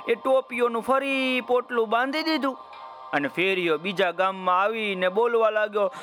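A man's voice: high voice, moderate pace, soft background music. A man telling a folk tale to children, speaking directly to his young listeners. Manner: warm, addresses young listeners directly by name. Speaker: children's storyteller. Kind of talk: children's story narration.

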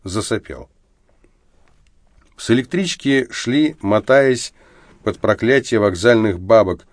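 A man reading literary fiction aloud as an audiobook narrator, in an even, measured way. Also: fairly low pitch, dry recording, clean studio sound.

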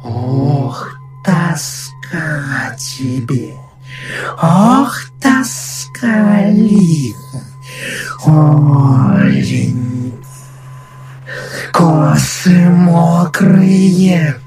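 A man's voice: high voice, wildly swooping pitch, very slow, vocal fry, pauses often, a little mellow, voice pushed up, heavily acted. A man doing a possessed woman's wailing, eerie voice. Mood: wailing lament. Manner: wailing, keening laments. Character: possessed young peasant woman, eerie otherworldly voice. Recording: faint music underneath.

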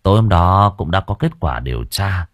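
A man's voice: sits low, sing-song, normal speed, no echo, studio quality. A man narrating a horror story in a dramatic, emphatic storytelling manner.

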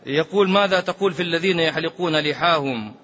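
A man with a high-pitched voice delivers a religious lecture, pressing his points with colloquial rhetorical questions and repeated words. He chants quoted sayings in a slow sing-song and drops into quiet muttered asides. The recording sounds dull and lo-fi. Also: a little hiss or hum. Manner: animated, swings from loud emphasis to low muttering asides. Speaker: Islamic scholar giving fatwas.

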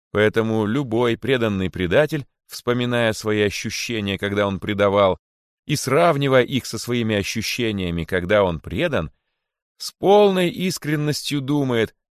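A man narrating an audiobook in an expressive, theatrical way. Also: lowish voice, no room sound, clean studio sound.

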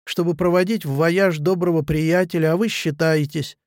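A man reading the lines of a blunt young officer who speaks gruffly and rudely. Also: a little high, steady tone, normal speed, a little mellow, dry recording, studio quality, close to an everyday voice.

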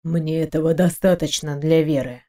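A woman voicing a tender, steady male army captain in an audiobook, speaking quietly and firmly. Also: deep voice, moderate pace, voice pushed down, close to an everyday voice. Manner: quiet and firm. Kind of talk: audiobook narration.

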